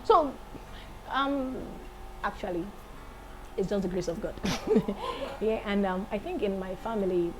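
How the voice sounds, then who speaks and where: A woman in her late thirties, a singer and accountant, chatting as an interview guest in a lively, enthusiastic way. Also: medium pitch, a little slow, slight background noise, poor audio. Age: 30s. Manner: lively, laughs often, enthusiastic. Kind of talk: casual interview chat.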